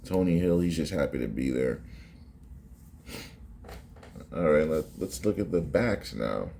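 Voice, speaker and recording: A man's voice: rumbling low, animated, moderate pace, vocal fry, warm tone, slight background noise. A man giving casual, conversational reaction commentary on sports footage, often repeating phrases for emphasis.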